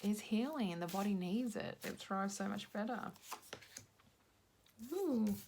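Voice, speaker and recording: A woman's voice: mid-range voice, lively intonation, a little slow, noisy background. A woman in her forties giving a casual intuitive card reading, rambling and frank and swearing now and then. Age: 40s. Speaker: intuitive card reader and menopause mentor.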